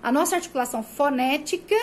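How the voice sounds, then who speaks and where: A Brazilian woman who teaches Portuguese gives a recorded prep-course lecture, talking fast in a high voice. Her Brazilian Portuguese accent has the rolled R of the interior. She explains things with lots of rhetorical questions and "né?" tags.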